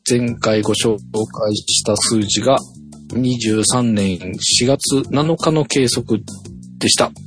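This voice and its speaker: A man's voice: medium pitch, slow pace, a bit bright, soft background music. A man casually reading out his diet results on a chat podcast, laughing at himself, with a light lilt. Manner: reads out numbers with little drumroll cues, laughs at himself.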